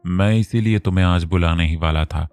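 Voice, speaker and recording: A man voicing a calm, curt young boss. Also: deep voice, a little fast, clear, resonant tone, dry recording, faint music behind. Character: composed young male boss.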